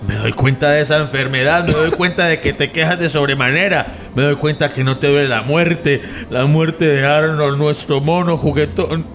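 A man's voice: on the high side, moderate pace, hardly any pauses, music in the background, lightly acted. Man playing a rambling grief-struck drunk. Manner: slurred, rambling, theatrical. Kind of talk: amateur radio drama.

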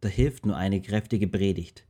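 God speaking from on high in a rhyming storybook, read by a man. The voice is calm and commanding, with a low, warm tone. The delivery is measured and stately. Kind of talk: storybook reading in rhyme.

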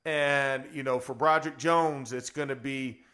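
Man, former offensive lineman, radio co-host, bright tone, rambling casual talk. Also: mid-range voice, steady tone, moderate pace. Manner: rambling, with restarts and chuckles.

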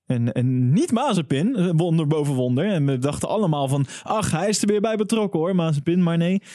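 A man co-hosting a casual motorsport chat, chatty and quick to laugh, with plenty of fillers. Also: a little high, animated, warm tone, dry recording, studio quality. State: frog in his throat, clears throat. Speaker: podcast co-host.

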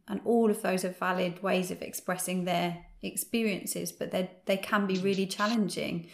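Woman podcast host, affirming, low even delivery, roomy echo. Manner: warm, affirming, thinks aloud. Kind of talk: casual chat. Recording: echoey room.

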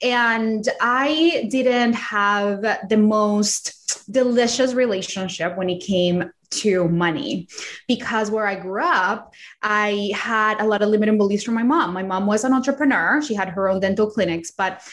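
A woman's voice: mid-range voice, unhurried, a bit bright. A woman from Colombia, a podcast guest and business coach, telling her story in a chatty way with many fillers. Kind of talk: conversational interview storytelling.

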